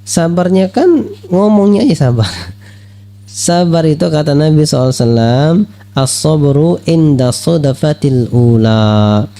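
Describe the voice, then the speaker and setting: Gravelly-voiced male preacher. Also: fairly high pitch, normal speed. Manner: lively, asks rhetorical questions and acts out quoted voices. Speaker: Islamic preacher. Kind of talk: religious study lecture.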